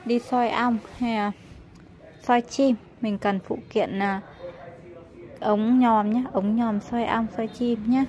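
A woman shop seller giving an informal hard-sell product pitch, repeatedly urging a bargain. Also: a little mellow.

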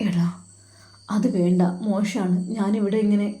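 A woman's voice: medium pitch, fairly even intonation, a little slow, mellow, reverberant, lightly acted. A woman voicing a young husband who weeps as he talks of his wife. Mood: sobbing. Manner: sobbing, pleading. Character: young man, crying, heartbroken husband.

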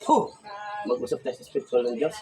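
A man's voice: big pitch swings, fairly quick, distant mic, over music, poor audio. A man acting as a folk healer, leading a prayer and barking commands and incantations during a healing ritual outdoors. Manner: barks commands and chants incantations; wildly swinging pitch, sudden shouts. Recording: loud background noise.

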